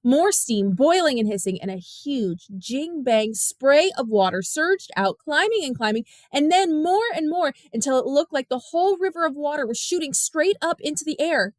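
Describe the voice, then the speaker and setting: A woman reading a novel aloud in measured, expressive storytelling narration. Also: high voice, dry recording, clean studio sound. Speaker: audiobook narrator. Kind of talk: scripted narration.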